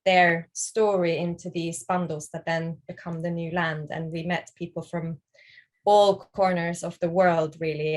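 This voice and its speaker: Low, flat-voiced woman, slow and reflective. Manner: slow, thoughtful, many pauses and fillers. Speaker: artist, panel guest. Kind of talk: reflective panel talk.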